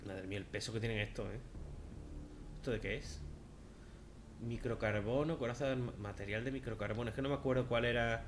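A man with a Spanish accent from Spain, giving chatty, sarcastic let's-play commentary with sudden loud outbursts. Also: mid-range voice, fairly quick, long pauses, noisy background. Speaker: gaming video host. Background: game music.

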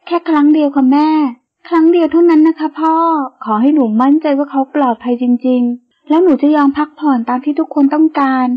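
A woman reading an audio novel, voicing a stubborn, tearful young pregnant heroine in a soft, pleading way. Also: high-pitched, brisk, hardly any pauses, dull audio, close to an everyday voice.

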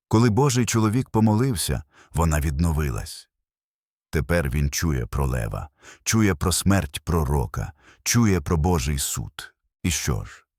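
Very deep husky guy preaching, solemn, swings his pitch a lot, dry close sound. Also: darkish tone, dry recording. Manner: solemn, emphatic, builds with short repeated phrases. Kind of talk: scripted sermon narration.

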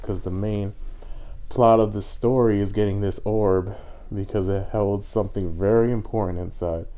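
A man's voice: lowish voice, mellow. A man in a costume head giving a casual, enthusiastic and rambling movie review in slangy talk. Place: indoors, fursuit costume.

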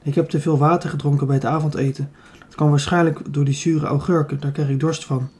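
A man voicing a nervous but stubborn young princess in an audiobook, speaking in a hushed, pleading way. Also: a little high, level tone, brisk, close to an everyday voice.

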